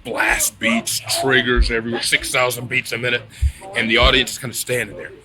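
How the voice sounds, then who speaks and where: A man's voice: mid-range voice, flat delivery, fairly quick. A man in his fifties, a guest musician chatting casually in an interview, blunt and joking as he tells stories. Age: 50s. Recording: busy crowd noise behind. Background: crowd chatter.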